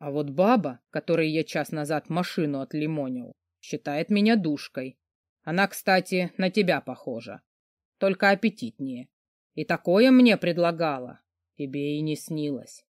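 A woman reading an audiobook, voicing a feverish, sarcastic, crude hulking man in a low, hoarse, husky voice with a gruff, mocking manner. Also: animated, moderate pace, no room sound, studio quality. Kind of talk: audiobook character voice.

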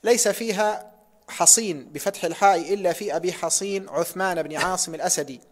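A man's voice: high voice, fairly quick. A man reading a hadith text aloud in a lesson, careful and precise, closing sections with pious formulas.

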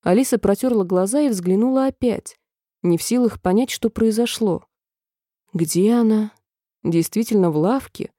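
Mellow woman narrating a storybook. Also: mid-range voice, normal speed, no echo, studio quality. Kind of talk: scripted audiobook narration.

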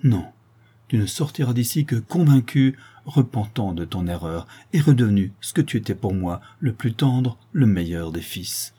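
A man's voice: fairly low pitch, lively intonation, moderate pace, dark tone, husky. A man voicing an impassioned pleading duchess. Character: proud, desperate noblewoman, a mother pleading. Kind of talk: audiobook reading.

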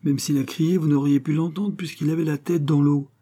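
A man reading the lines of a blunt middle-aged male police inspector, brisk and reasoning aloud, in an audiobook. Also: a little high, fairly even intonation, mellow, voice pushed up, natural voice. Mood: urgent.

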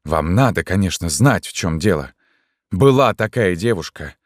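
A man with a low voice reading the part of a pale, desperate young man, who pleads urgently. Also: lively intonation, moderate pace, dry recording, clean studio sound. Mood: pleading.

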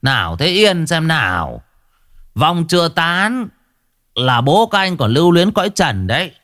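A man's voice: a little high, sing-song, a little slow, fairly bright tone, voice pushed up. A man voicing an old village Taoist exorcist, sonorous and chanting. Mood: commanding. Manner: sonorous, chanting, self-assured.

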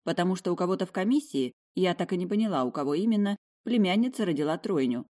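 A woman's voice: fairly low pitch, fast talker. Woman narrating a wry fantasy audiobook. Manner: wry, lively storytelling. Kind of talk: first-person fantasy narration.

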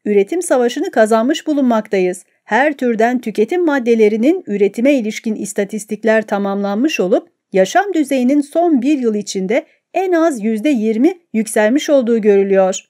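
A man's voice: very high-pitched, expressive, moderate pace, few pauses, a little mellow. A woman voicing a young male state announcer, proclaiming news with fervent zeal in an audiobook. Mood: jubilant.

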